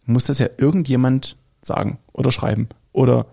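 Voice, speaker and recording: A German-accented man chatting casually as a podcast co-host. His voice is gravelly and dark, and he wanders through his anecdotes, correcting himself as he goes. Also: medium pitch, fairly even intonation, normal speed. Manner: rambling, anecdotal, self-correcting. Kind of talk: casual chat.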